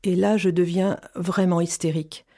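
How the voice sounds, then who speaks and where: A woman's voice: on the low side, steady tone, normal speed, dark tone. A woman in her fifties candidly recounting her experience as a patient, in an earnest personal testimony. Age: 50s. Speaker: patient sharing her cancer story.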